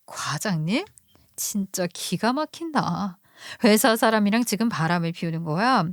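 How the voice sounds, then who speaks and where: A woman's voice: medium pitch, animated, measured pace, no room sound, clean studio sound. A woman voicing a furious, betrayed wife who curses and scolds sharply. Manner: sharp, cursing, indignant.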